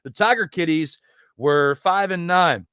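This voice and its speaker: A man hosting a casual football talk show, joking and rambling with quick asides. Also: a little high, pushed and bright, clean tone, no room sound, clean studio sound. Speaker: podcast host. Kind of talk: casual sports chat.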